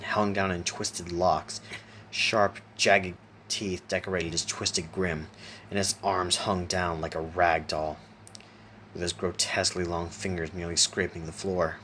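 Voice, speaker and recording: A man narrating a horror story in a slow, deliberate reading, now and then clearing his throat. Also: deep voice, a bit bright, slight background noise.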